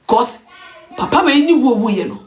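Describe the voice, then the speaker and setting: High, lively Ghanaian woman ranting. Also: moderate pace. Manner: emphatic, mixes English with Twi. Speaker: online commentator. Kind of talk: passionate opinion rant.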